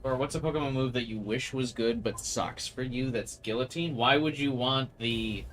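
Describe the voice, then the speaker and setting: A man's voice: medium pitch, moderate pace, a bit bright, a little hiss or hum, poor audio. A man chatting casually as he streams a video game. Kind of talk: casual chat while gaming. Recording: game music playing behind voice. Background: game music and audio.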